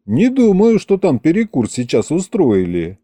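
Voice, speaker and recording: A brash young man full of cheek and slang, voiced by a male audiobook reader. The voice is pushed high and loud with wide swings. It sits on a dark, dry tone. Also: wildly swooping pitch, a little slow, no echo, heavily acted. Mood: cheeky, brash.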